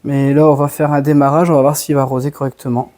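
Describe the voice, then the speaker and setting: A man's voice: medium pitch, little pitch movement, quick pace, mellow, no room sound. A man from France giving a casual, enthusiastic product demo in his garden, full of slang. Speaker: home and garden vlogger. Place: outdoors in a garden.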